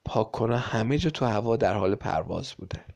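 A man reading a children's story aloud with lively, dramatic emphasis. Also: on the low side, creaky.

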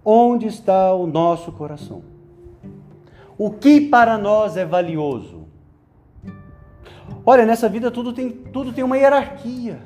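High-pitched man giving a chatty meditation. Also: expressive, unhurried, pauses often, dark tone, faint music behind. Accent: Brazilian Portuguese. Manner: conversational, frequent "né?" tags, playful asides. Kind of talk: spoken meditation for young men.

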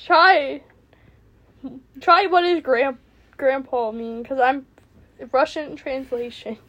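A woman's voice: high-pitched, slow pace, a bit bright, dull audio. A teenage girl co-hosting a podcast, chatting casually in a giggly, rambling and self-mocking way. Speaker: podcast co-host. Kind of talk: casual chat.

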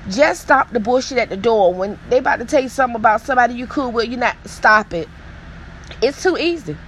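A woman's voice: fairly high pitch, animated, brisk, slight background noise, poor audio. A woman hosting a casual gossip show, chatty, sassy and emphatic. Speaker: host.

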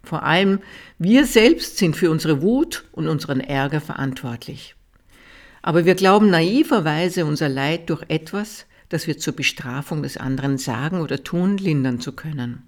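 A calm reader giving a measured audiobook reading of a Buddhist teaching text, softening at key sentences. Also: mid-range voice.

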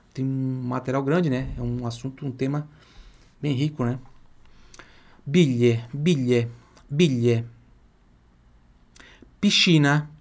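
A Brazilian man with a Brazilian Portuguese accent leads an online Italian pronunciation lesson. He stretches out example words slowly and has the viewer repeat them aloud, then turns chatty and talks straight to the viewer. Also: mid-range voice, darkish tone. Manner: chatty, addresses viewer directly. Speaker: Italian teacher.

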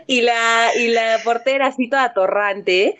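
A young woman, casually telling a story to friends and acting out the voices with big jumps in pitch. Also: measured pace, a bit bright, clean tone. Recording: dull lo-fi recording.

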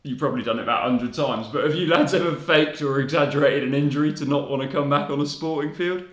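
A young man from England on a podcast, telling stories in a relaxed way with casual swearing. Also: on the high side, fast talker. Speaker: podcast co-host. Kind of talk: casual chat. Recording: roomy echo.

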